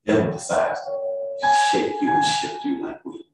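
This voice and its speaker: A man preaching a sermon and altar call as pastor, with a Southern US accent and a rhythmic delivery that builds into sung, chanted calls. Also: moderate pace. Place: church sanctuary, heard from afar. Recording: distant echoey church with piano. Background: organ or piano music under the preaching.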